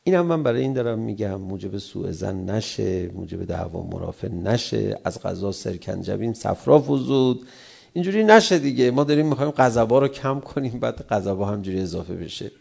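Man, middle-aged cleric, sermon, gravelly, dark mellow tone, lively acted-out quarrels. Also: fairly low pitch. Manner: animated, acts out quarrelling spouses in raised voices.

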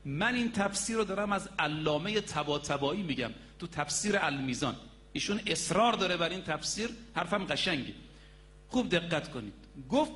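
High-voiced emphatic male preacher. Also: a bit bright. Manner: emphatic, drawn-out stresses on key words; storytelling, addresses the audience directly. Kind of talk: sermon.

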